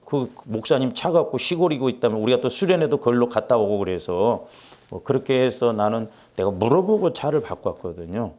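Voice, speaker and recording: A man's voice: mid-range voice, fairly quick. A middle-aged man preaching as a pastor, telling a personal story and acting out the quotes. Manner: animated, acts out quotes with rising intensity. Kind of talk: sermon with storytelling.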